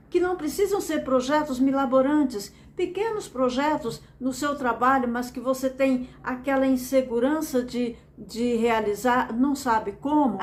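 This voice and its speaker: A woman from Mato Grosso do Sul with a Brazilian accent, giving an earnest, encouraging motivational lecture and repeating phrases for emphasis. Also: fairly high pitch. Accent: Brazilian Portuguese. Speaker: speaker presenting a method.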